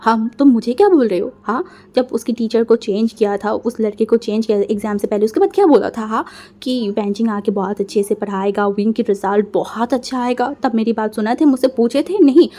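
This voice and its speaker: A woman's voice: on the high side, brisk, warm tone, lightly acted. A woman voicing a stern middle-aged father who answers with sarcastic, blaming retorts.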